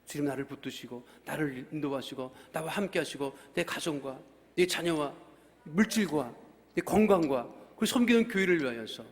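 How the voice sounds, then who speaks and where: Impassioned high-voiced preacher in a big hall. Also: male voice, expressive, moderate pace. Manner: impassioned, bursts into shouting, call-and-response. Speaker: pastor. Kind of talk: revival sermon with story and prayer. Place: large church hall. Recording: long reverb in a big hall.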